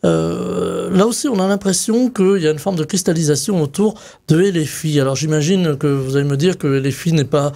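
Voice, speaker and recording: A man's voice: fairly high pitch, vocal fry, warm tone. A man hosting a morning radio interview, asking questions hesitantly with many fillers. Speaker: radio morning show host.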